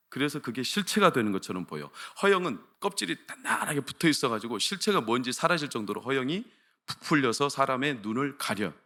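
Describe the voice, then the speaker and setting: A man, a senior pastor, preaching a sermon at a night prayer meeting, firing rhetorical questions at the congregation and building to shouted emphasis. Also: mid-range voice.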